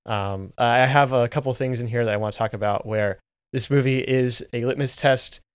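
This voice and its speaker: A man co-hosts a movie review podcast, talking with enthusiasm and plenty of ums and restarts. His voice is mid-pitched for a man. The recording is dry and close. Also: fairly even intonation, moderate pace, smooth, no room sound. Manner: enthusiastic, many fillers, restarts. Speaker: podcast co-host. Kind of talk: casual movie review chat.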